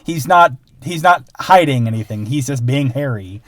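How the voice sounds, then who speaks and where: A man from Illinois co-hosting a film podcast, talking earnestly with lots of halting fillers and frequent laughs. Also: medium pitch, lively intonation. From Illinois, USA. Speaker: podcast co-host. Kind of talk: casual film podcast chat.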